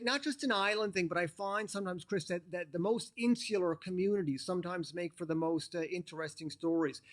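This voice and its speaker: Man guest, higher voice, chatty and joking. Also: fairly bright tone. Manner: chatty, halting with restarts, joking. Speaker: TV show host, interview guest. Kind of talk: conversational interview.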